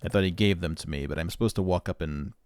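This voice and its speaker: A man casually commenting while playing a retro adventure game, chatty and quick to laugh at himself. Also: deep voice, a little mellow. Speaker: let's play host.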